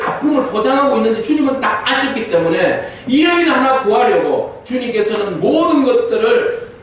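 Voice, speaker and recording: A man's voice: very high voice, slight background noise. A male pastor preaching a sermon and asking the congregation rhetorical questions. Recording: very echoey church hall, distant mic.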